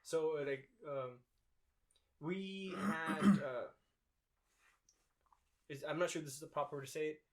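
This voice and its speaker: A man's voice: a little high, a little slow, pauses often, a crowd in the background. A young man from Mexico co-hosting a podcast in a laid-back, casual chat, swearing and laughing easily. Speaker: podcast co-host.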